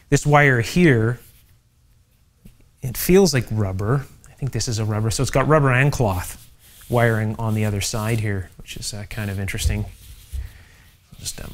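A middle-aged man hosting an electronics channel, thinking aloud with many fillers as he demonstrates an old device in a home workshop. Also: mid-range voice. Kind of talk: casual workbench demonstration.

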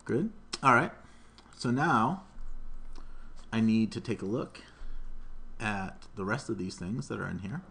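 A programming instructor in his thirties thinks aloud through a live coding tutorial, narrating each step informally as he works. His lowish, creaky voice is expressive and a bit bright, moving at a measured pace with long pauses. The noisy room mic picks up keyboard typing and room noise.

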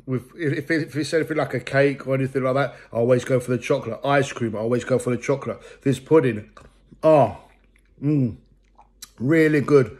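A man's voice: medium pitch, brisk, darkish tone. A man in his forties doing a casual product review at home, chatty and full of ums and restarts. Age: 40s. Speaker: food reviewer.

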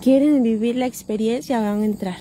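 High-voiced Mexican woman livestreaming outdoors. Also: moderate pace, mellow, slight background noise. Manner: exclaiming, repeating words to her viewers. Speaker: paranormal livestreamer. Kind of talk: live-streamed ghost hunt. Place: outdoors at a cemetery.

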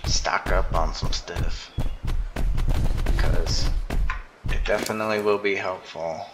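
A man's voice: low voice, steady tone, takes it slowly, over loud music, low-quality recording. A man giving casual, rambling gameplay commentary, tired and yawning, with many ums. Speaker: gaming YouTuber.

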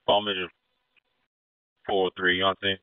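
A man acting as incident commander, giving brisk orders over a two-way radio. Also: deep voice, flat delivery, clean tone, no room sound. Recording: narrow phone-like radio channel.

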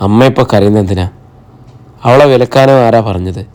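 A man voicing a calm, good-natured young man in an audiobook, reassuring his mother and sister. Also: fairly low pitch, brisk, lightly acted.

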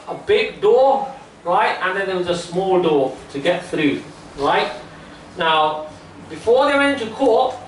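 A man's voice: sits high, fairly bright tone. A man teaching children through storytelling, explaining step by step and often checking in with "right?" and "okay?". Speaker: children's religious camp teacher. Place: small indoor classroom full of seated children. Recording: distant, echoey room, faint background noise.

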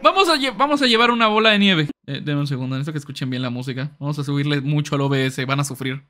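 A young man with a Mexican accent doing casual, joking let's-play commentary, excitable and swearing freely as he yells at the game. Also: a little high, rapid-fire. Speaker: gaming streamer.

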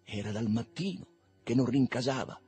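A man reading a literary novel aloud in a lively, expressive way. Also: mid-range voice, normal speed, husky, soft background music. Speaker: reader.

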